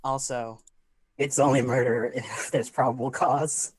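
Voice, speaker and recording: A man's voice: mid-range voice, fairly even intonation, measured pace, crowd noise. A man talking through a voice changer, joking around as a player in a tabletop game. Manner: joking, teasing. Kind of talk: casual tabletop game chat.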